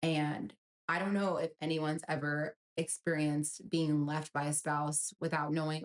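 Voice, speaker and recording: A young woman telling a personal story with earnest emotion, in a casual storytime style. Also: deep voice.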